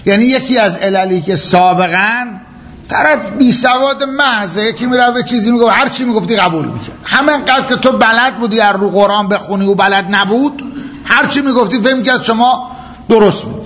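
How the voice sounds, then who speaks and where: A man's voice: high-pitched, fairly bright tone. A man teaching a jurisprudence lecture as a seminary teacher, explaining step by step, firing rhetorical questions and repeating his key points. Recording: dull lo-fi recording with faint noise.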